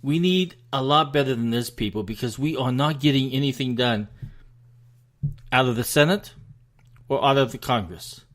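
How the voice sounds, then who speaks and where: With a mid-range, somewhat bright voice at a moderate pace, this American man runs his own political commentary show. His delivery is an emphatic, frustrated rant, and he comes across as breathless.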